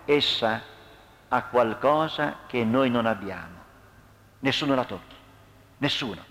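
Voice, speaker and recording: A man voicing a violent male policeman who forcefully warns others off in a dramatized reading. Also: medium pitch, animated, measured pace, big-room sound. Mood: menacing. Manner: menacing and forceful.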